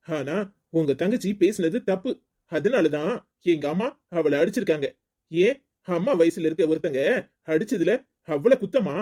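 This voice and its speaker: A principled young brother-in-law in a cartoon story, as a performer voices him. His voice is mid-pitched, and he lectures firmly and indignantly about respect and decency. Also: warm tone, lightly acted. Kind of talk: cartoon voice acting.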